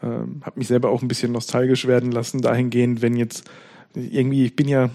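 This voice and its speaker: A man talks casually on a podcast at an average pitch. He rambles, circles back and restarts his sentences often, in a loose, chatty way. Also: monotone, quick pace, dark tone. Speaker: podcast co-host. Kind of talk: casual chat.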